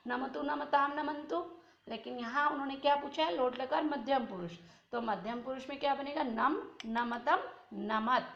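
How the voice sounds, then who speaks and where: A woman's voice: sits high, vocal fry, roomy sound, muffled recording. A woman teaching a class, patiently walking through exercises and asking questions that she then answers herself. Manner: patient, asks and answers her own questions, drawn-out recitation. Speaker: Sanskrit teacher. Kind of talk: classroom lesson explaining exercises.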